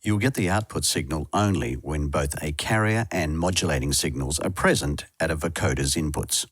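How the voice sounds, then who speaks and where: This instructional narration comes from a man with an extremely low, slightly rough voice at a moderate pace. He reads a scripted tutorial into a close voice-over mic, and there's no room sound at all.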